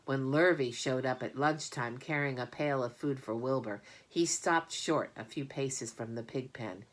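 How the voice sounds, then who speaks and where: A woman with a low voice reads a children's storybook aloud at an unhurried pace. Her scripted narration is delivered with plenty of expression.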